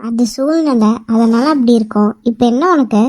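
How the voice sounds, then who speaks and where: A woman's voice: on the high side, normal speed, a little mellow, dry recording, clean studio sound, close to an everyday voice. A woman voicing a stubborn young wife standing up for her family in an amateur cartoon. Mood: defiant. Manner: firm, defiant.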